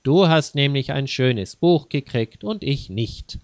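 A man's voice: mid-range voice, expressive, slow, a little mellow, no echo, studio quality. A man voicing a playful young girl who teases her brother, in a mocking sing-song way. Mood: apologetic.

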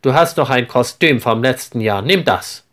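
A man reading a gruff, stressed mother. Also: mid-range voice, expressive, normal speed, fairly bright tone, natural voice. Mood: curt. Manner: curt and gruff, then ashamed. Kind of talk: storybook reading.

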